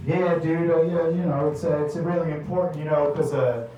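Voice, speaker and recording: A man's voice: on the high side, fairly even intonation, normal speed, dark tone, heavy reverb, recorded from a distance, slight background noise, voice pushed down, close to an everyday voice, poor audio. A man voicing a laid-back dude-bro stranger on a subway, slangy and mumbling.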